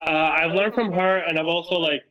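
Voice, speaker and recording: A young native Romanian speaker living in Massachusetts, a football creator and coach, talks as a guest in a casual interview. He is earnest and reflective, with many fillers and restarts, in a somewhat high, fairly even voice at normal speed over dull audio.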